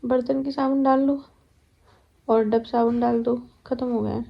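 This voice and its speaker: A woman's voice: fairly high pitch, fairly even intonation, moderate pace, creaky, highs cut off. A young woman chatting to her viewers at home in a casual vlog, telling stories about her day. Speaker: vlogger. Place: at home, kitchen.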